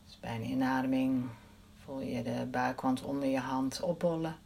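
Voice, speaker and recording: A woman leading a guided breathing meditation in a soft, soothing voice, counting the breaths aloud. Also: a bass voice, level tone, moderate pace, vocal fry, slight background noise.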